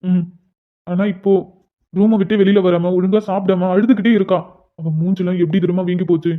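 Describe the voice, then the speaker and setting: A man's voice: high voice, steady tone, fairly quick, close to an everyday voice. A man voicing an earnest young man in a cartoon, talking to his friend about his troubled little sister. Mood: worried. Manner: earnest, pleading, calls his friend "machan". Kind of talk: cartoon voice acting. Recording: dull lo-fi sound.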